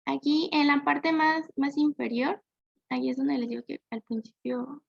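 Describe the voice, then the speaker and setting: A young woman presents to her class in a high, gravelly voice, pausing on fillers and correcting herself as she goes. The recording is dry and dull, with a lo-fi edge. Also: little pitch movement, no room sound. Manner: hesitant, frequent fillers and self-corrections. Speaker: student presenter.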